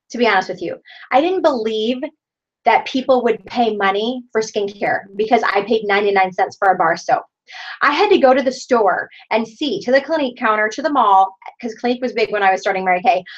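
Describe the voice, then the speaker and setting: A middle-aged woman gives an upbeat training talk to her team. Her voice sits a little high and she keeps rallying the group with "you guys". The video call audio sounds dull and lo-fi. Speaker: sales director leading a team training.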